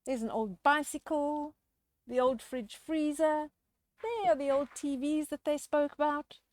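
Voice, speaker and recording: Reading a children's picture book aloud, a high-voiced woman storyteller draws out her emphasis expressively and chats with young listeners through questions. The recording has no room sound.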